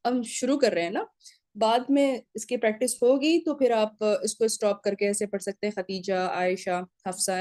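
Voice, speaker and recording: A woman with a mellow, darker tone teaches a recorded Arabic grammar lecture. She explains step by step, drills word endings aloud and checks in often with short confirmations. Her voice sounds close and dry, with no room echo. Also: fairly high pitch.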